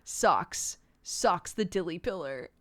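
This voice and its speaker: A woman voicing an excitable, secretive boy who is fond of small creatures, in story game dialogue. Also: on the low side, takes it slowly. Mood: delighted.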